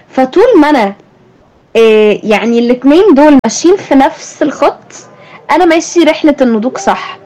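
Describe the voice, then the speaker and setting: A woman's voice: high-pitched, a little mellow, poor audio. A young woman with an Egyptian Arabic accent, hosting a thoughtful conversation and asking her guest questions. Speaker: host. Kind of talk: reflective conversation.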